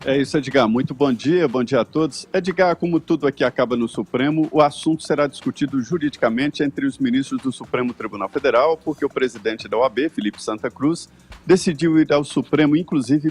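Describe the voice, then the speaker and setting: A man with a Brazilian accent giving a steady, explanatory live political report on the radio. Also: on the high side, husky. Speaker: political correspondent.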